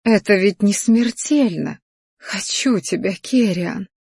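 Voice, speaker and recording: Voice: mid-range voice, slow, gravelly, a little mellow, breathy edge, no room sound, clean studio sound, full character voice. An audiobook reader voicing a clingy, red-haired young woman who whines and pleads in a nasal voice. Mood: pleading. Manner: nasal whining, coy pleading. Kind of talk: audiobook character voice.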